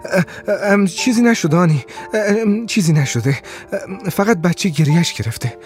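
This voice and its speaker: A man's voice: high voice, expressive, soft background music, voice pushed up. A man voicing a timid young father who stammers and fumbles his words in a fluster.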